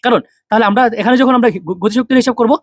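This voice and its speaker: Fast-talking young male physics tutor. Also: very high voice, no echo, studio quality. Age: young adult. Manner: quick, drills students with repeated questions and answers. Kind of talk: online physics lesson.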